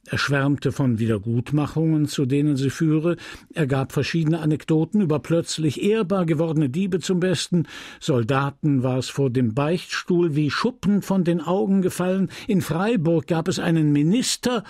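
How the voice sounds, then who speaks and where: A man reads a classic novel aloud in a measured, grave narration. His voice is gravelly and husky, and the recording is dry and close, with no room sound. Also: fairly high pitch, a little mellow, dry recording. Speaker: audiobook reader. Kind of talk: scripted literary narration.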